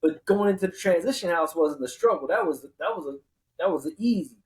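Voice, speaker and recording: A man's voice: high-pitched, expressive, brisk. A man telling his own story in casual conversation as a podcast host, repeating words for emphasis.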